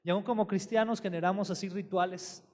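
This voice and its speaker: Pastor guy preaching, pretty high voice, lively storytelling, tosses questions at the crowd, long church reverb. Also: brisk. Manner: preaches with rhetorical questions to the congregation; tells a story with lively emphasis. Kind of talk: sermon.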